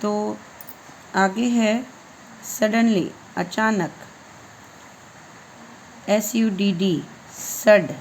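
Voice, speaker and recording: A woman gives a patient reading lesson, spelling each English word letter by letter before translating it. She talks at a very slow, deliberate pace in a mid-pitched voice. A faint hum of noise sits behind her. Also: poor audio. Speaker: English teacher.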